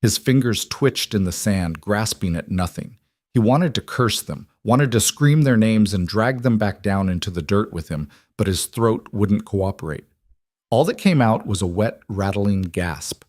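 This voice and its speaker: A man's voice: fairly low pitch, animated, a little slow, darkish tone, dry recording, clean studio sound. A man reading a dramatic western story as scripted narration.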